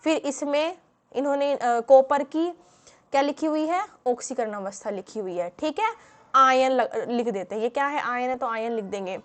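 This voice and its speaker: High pitched lady teacher going thru chemistry naming, lots of um and "what do we call this". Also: moderate pace. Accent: Hindi-English mix. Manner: explains step by step with many fillers and rhetorical questions. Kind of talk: classroom lecture.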